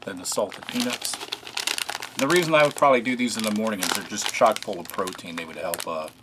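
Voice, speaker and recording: A man casually narrating a food taste test, relaxed and chatty, often pausing with fillers as he eats. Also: fairly low pitch, background noise. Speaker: food reviewer.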